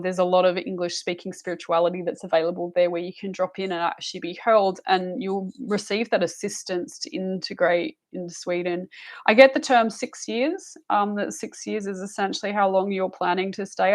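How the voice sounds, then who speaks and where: A woman giving a live psychic reading, soothing and rambling, calling the listener love and honey. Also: lowish voice. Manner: rambling with frequent restarts and fillers. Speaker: psychic reader.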